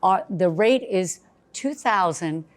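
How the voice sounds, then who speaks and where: A woman travel agent hosts a casual live event presentation in a bistro event space, chatty and bubbly with a big cheerleader voice. Her voice is lowish and animated, and she takes things slowly.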